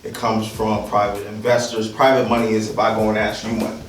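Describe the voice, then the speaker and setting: In his thirties and from Liberia, this man talks his seated audience through a real estate workshop in a house, conversational and peppered with "um" and "right?" His fairly low voice is flat and a little fast, with some hiss or hum. A far-off camera picks him up in an echoey room.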